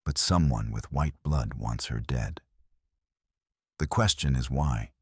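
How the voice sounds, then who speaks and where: A man voicing a stern, weathered old Apache elder who speaks in a grave, measured, formal way. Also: extremely low pitch, slightly rough, dry recording, clean studio sound, voice pushed down, exaggerated voice.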